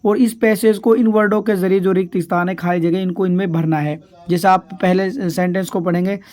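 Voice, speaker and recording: A male teacher runs an exam revision lesson in a patient, repetitive way. He asks a question, pauses, then answers it himself, and he keeps calling his pupils dear children. He stretches out English words and sentences slowly, one piece at a time. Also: sits high, steady tone, darkish tone.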